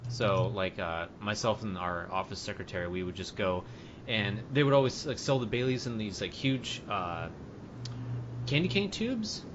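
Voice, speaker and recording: A man co-hosting a podcast, dry and deadpan in casual chat. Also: fairly low pitch, moderate pace, dull audio, background noise. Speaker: podcast co-host.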